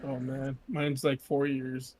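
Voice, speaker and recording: A man chatting casually with a friend on voice chat, teasing and swearing, quick to laugh. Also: medium pitch, monotone, darkish tone, a little hiss or hum. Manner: teasing, profane, laughs easily.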